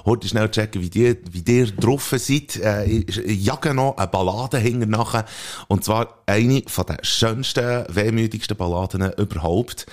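A man co-hosting a podcast in easy, casual chat. His voice is low and relaxed, and he speeds up in short bursts. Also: measured pace. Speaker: podcast co-host.

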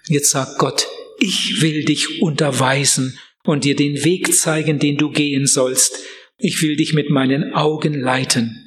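A middle-aged man preaching a sermon, earnest and measured, slowing down for emphasis and speaking straight to his listeners. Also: on the high side, steady tone, fairly bright tone, in a large hall.

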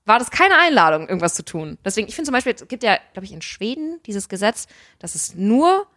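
A woman co-hosting a podcast in casual chat, talking emphatically and opinionatedly with quick asides. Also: mid-range voice, sing-song, a bit bright. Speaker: podcast co-host.

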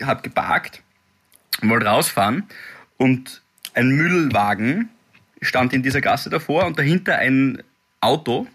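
A man with an Austrian accent, co-hosting a podcast and telling animated anecdotes in casual chat. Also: medium pitch, slightly rough. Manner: animated anecdotal storytelling, frequent restarts. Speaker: podcast co-host.

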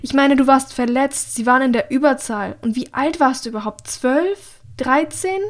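A woman reading an audiobook, voicing an urgent young woman who pleads in hushed, half-whispered tones. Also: high voice, normal speed, lightly acted.

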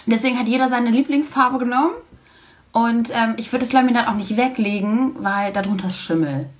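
A woman's voice: fairly high pitch, fairly quick. A woman co-hosting a casual chat podcast, telling a funny story with laughter and acting out the quoted dialogue. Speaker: podcast co-host.

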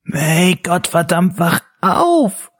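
A man voicing a panicking young male student whose high, shrill voice cracks as he curses frantically. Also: very animated, very slow, a bit bright, no echo, studio quality, exaggerated voice. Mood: panicked, frantic. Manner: frantic swearing.

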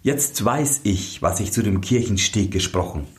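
A man's voice: fairly low pitch, measured pace, lightly acted. A man voicing an ugly, scheming young bride who scolds shrilly. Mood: haughty. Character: false bride, ugly young woman, scheming and short-tempered.

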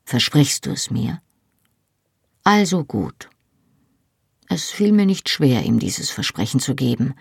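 A woman narrating an audiobook in first person, calm and intimate. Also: low-pitched, vocal fry, breathy edge, no echo, clean studio sound. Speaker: audiobook reader.

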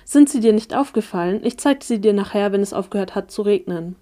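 A woman's voice: mid-range voice, a little fast, mellow, close to an everyday voice. A woman voicing a teenage girl cousin who brushes off questions in a casual, offhand way.

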